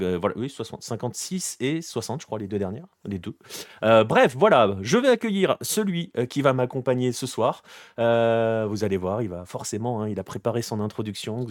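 A man's voice: fairly low pitch, no echo, studio quality. A man hosting a casual live football talk show, chatting loosely with many hesitations and greeting viewers in the chat. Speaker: podcast host.

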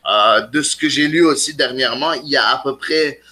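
A man's voice: medium pitch, fairly quick, bright, forceful tone. A man from Canada, a guest explaining things eagerly in a casual interview. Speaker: guest soccer blogger.

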